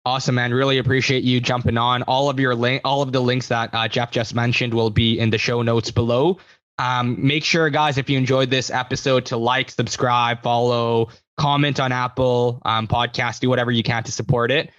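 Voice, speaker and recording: A man's voice: medium pitch, little pitch movement, moderate pace, a bit bright, no room sound. Encouraging male podcast host, muffled. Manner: encouraging, wraps up the show. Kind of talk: casual interview chat.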